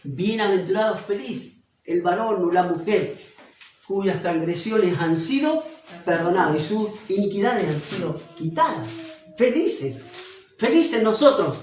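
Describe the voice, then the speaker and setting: A man from Argentina with an Argentine Spanish accent, preaching a Bible study sermon as pastor. He slows down and swells on key phrases. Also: high-pitched, expressive, a little mellow. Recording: roomy, from a distance off mic.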